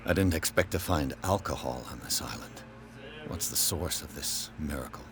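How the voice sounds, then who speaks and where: An actor playing a composed, inquisitive private detective in a video game, with measured, formal speech. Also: male voice, very deep voice, crowd noise.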